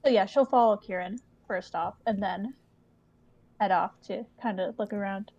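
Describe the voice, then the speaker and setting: A woman's voice: mid-range voice, normal speed, a little mellow, dry recording, lo-fi sound. A woman playing a tabletop game, hesitant and starting with ums. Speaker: player. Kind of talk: casual tabletop play.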